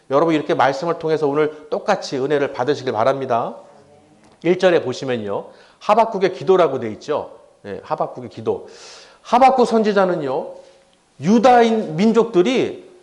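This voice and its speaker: A man with a notably high voice delivers a sermon as a pastor. He talks in lively bursts, acting out pleading questions to God, then drops low to address the congregation and ask for their amens. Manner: animated, acts out prophet's complaints to God with rising pitch; asks congregation for responses.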